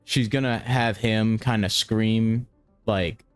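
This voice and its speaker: Brief: man with a lowish voice, casual and rambling, dry sound, faint music. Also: fairly even intonation, slow, dry recording. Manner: explaining plans with fillers. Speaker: player. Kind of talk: casual tabletop game play.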